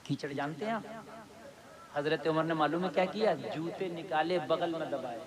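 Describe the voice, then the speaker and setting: Guy giving a sermon, high voice, big crowd noise behind, goes quiet then yells. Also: normal speed. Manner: swings from hushed asides to shouted climaxes. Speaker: preacher. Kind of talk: sermon storytelling. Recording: live gathering with crowd behind.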